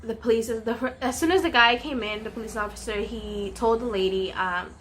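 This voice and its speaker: A woman's voice: a little high, fairly quick, a bit bright, slight background noise. A woman casually telling a personal story in a vlog, earnest and full of "um" and "you know".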